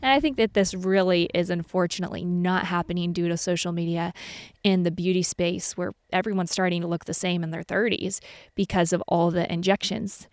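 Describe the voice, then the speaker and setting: A woman's voice: fairly low pitch, steady tone, a little fast, dry recording, clean studio sound. A woman in her twenties, co-hosting a podcast and talking in an earnest, candid, chatty way. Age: 20s. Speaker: podcast co-host. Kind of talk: casual chat.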